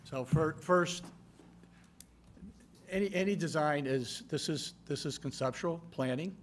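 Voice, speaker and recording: A man's voice: fairly high pitch, unhurried. A man answering as an engineer at a public meeting, explaining in a matter-of-fact way. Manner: matter-of-fact, checking with "okay?". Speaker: project engineer. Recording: noticeable background hum and noise.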